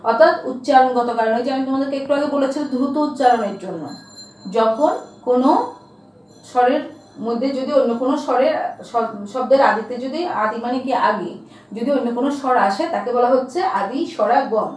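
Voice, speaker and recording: High-voiced woman teacher in an echoey room. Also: darkish tone, far from the mic. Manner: asks questions and answers them herself, repeats key terms slowly. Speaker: school teacher. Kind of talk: grammar lesson to students.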